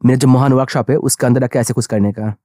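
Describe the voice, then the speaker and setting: An arrogant, jealous musician villain, as a male narrator puts him on in a manga recap. He speaks with haughty contempt for anyone more talented than him. The tone is mellow and the sound close and dry. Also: mid-range voice, fairly even intonation, quick pace, no echo, natural voice. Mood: scornful.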